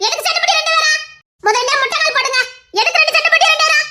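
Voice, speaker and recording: A strict tuition teacher , put on by a woman, fires nagging questions at her pupils. The voice sits very high and sounds bright and sharp. It is comic skit acting. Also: fairly even intonation, very fast, heavily acted. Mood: scolding.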